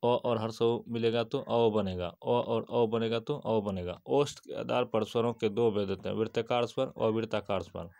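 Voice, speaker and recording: A man giving an exam-prep grammar lesson, reciting definitions and examples in a steady list-like way and answering his own questions. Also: lowish voice, normal speed, creaky, hardly any pauses. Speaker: teacher.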